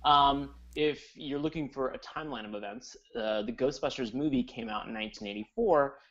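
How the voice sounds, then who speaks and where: A man's voice: mid-range voice, animated, moderate pace, a bit bright, highs cut off. A man co-hosting a casual podcast, talking in a rambling, hesitant way with many fillers. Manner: rambling, hesitant, lots of ums. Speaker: podcast co-host.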